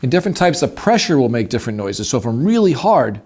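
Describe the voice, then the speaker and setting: A man's voice: medium pitch, sing-song, fast. A man explaining a hands-on technique in an informal, folksy way, like an easygoing instructor. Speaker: hunting instructor demonstrating a turkey call. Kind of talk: casual hands-on tutorial. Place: at a wooden table. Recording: clear background noise, clicking of call.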